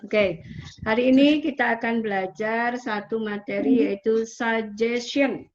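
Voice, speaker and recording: A woman's voice: a little high, unhurried. A woman English teacher giving an online class, patiently repeating words for pronunciation drills. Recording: echoey, dull, noisy online recording.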